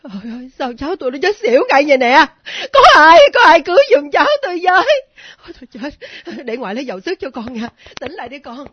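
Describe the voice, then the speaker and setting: A woman's voice: sits high, expressive, fast, few pauses, breathy edge, dry recording, exaggerated voice. A woman playing a pious, frantic grandmother in her sixties in a radio drama, praying aloud and wailing in panic. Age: 60s. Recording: dull lo-fi old radio recording.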